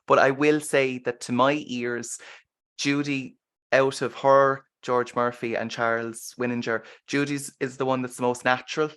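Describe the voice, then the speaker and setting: An Irish man hosts a relaxed film discussion podcast. He talks in a chatty way, explaining points and recapping scenes for his co-hosts. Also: mid-range voice, unhurried, smooth. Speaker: podcast host.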